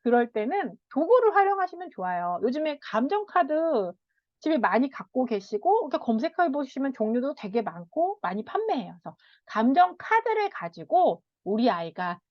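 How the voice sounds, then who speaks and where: A woman child counselor gives an animated parenting lecture, laughing often and acting out what children and parents say. Her voice is high-pitched at a normal speed, with no room sound, and the recording is dull and dry.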